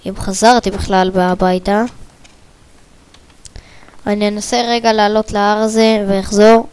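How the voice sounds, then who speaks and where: A woman talks through her own gameplay in a let's play. Her voice sits at a middling pitch. She mutters quiet asides under her breath, then breaks into loud, excited strings of repeated exclamations. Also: clean tone. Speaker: gaming video creator.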